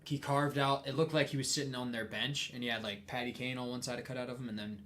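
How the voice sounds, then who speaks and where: A young man co-hosting a casual sports podcast, talking in a relaxed, rambling way with fillers. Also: mid-range voice, fast, slight background noise. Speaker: podcast co-host.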